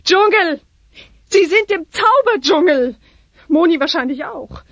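A woman's voice: very high-pitched, expressive, measured pace, a bit bright, no room sound, lo-fi sound, heavily acted. A middle-aged woman voicing an anxious, bossy witch mother in a children's radio play. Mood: hurried. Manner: fretful and bossy, chants spells.

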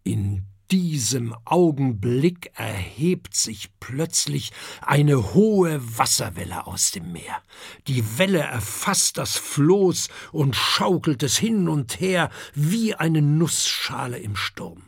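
A narrator reading a children's story aloud, expressive and unhurried. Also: medium pitch, gravelly, breathy edge, no room sound, studio quality. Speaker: audiobook narrator.

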